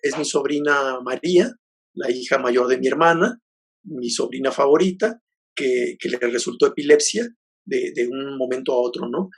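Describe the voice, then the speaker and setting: Gravelly Mexican man in his fifties. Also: mid-range voice, moderate pace. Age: 50s. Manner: hesitant, searching, many fillers and restarts. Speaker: guest poet and novelist. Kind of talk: reflective interview talk.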